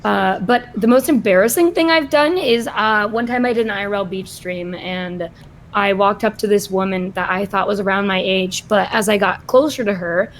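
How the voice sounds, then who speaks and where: A woman's voice: medium pitch, normal speed. A woman chatting emphatically in a casual group call, swearing and laughing as she talks. Faint background noise sits under her voice. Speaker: guest streamer.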